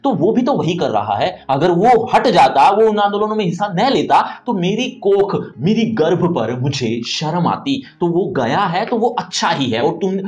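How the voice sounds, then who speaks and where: A male Hindi teacher explaining a poem line by line, restating each meaning in simple words and asking and answering his own questions. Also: fairly high pitch. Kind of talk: poetry lesson explanation.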